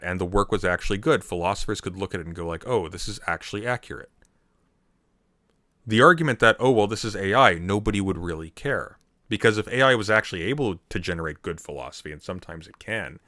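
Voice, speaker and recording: A man's voice: sits low, sharp tone, dry recording, clean studio sound. A man hosting a casual commentary podcast, ranting emphatically and restarting his sentences as he argues. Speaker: host.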